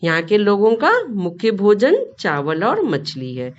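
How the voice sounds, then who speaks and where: A woman's voice: mid-range voice, wildly swooping pitch, unhurried, muffled recording. A woman teacher with an Indian Hindi accent, explaining a school lesson, often asking the class a question and repeating the answer. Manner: reads a line, then asks the class and repeats the answer.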